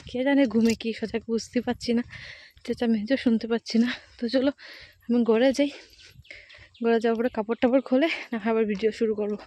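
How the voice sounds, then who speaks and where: A woman narrating a casual village vlog on a handheld phone as she walks along paths and fields, tired from walking and keeping her voice low. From India. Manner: speaks softly while passing neighbours' yards. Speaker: village lifestyle vlogger. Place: outdoors on village paths and fields, then at home. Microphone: handheld phone camera.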